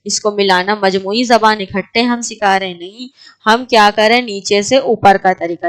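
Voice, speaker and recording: A woman's voice: medium pitch, fairly bright tone. A woman teaching an exam prep lecture, asking her class questions and then answering them herself.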